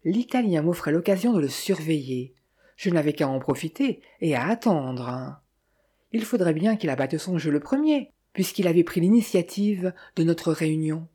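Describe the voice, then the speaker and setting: A woman narrating a classic detective novel as an audiobook in a measured, even storytelling manner. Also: sits low, husky.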